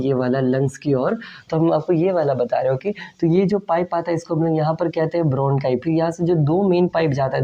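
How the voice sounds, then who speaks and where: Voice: mid-range voice, lo-fi sound. A teacher giving an online class lesson who asks questions and answers them, stretches out key terms and says "okay" often. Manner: explains at a board, asks and answers own questions; slow drawn-out stress on key terms, frequent "okay".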